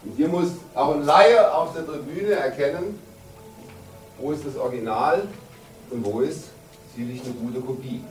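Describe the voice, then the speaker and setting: A man's voice: fairly high pitch, moderate pace, faint music behind. Guy in his 50s coaching, emphatic team talk in a roomy locker room, mic far off, bit of noise. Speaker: handball coach. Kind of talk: pre-game team talk. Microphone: camera a few metres away. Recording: roomy, distant camera mic, background noise.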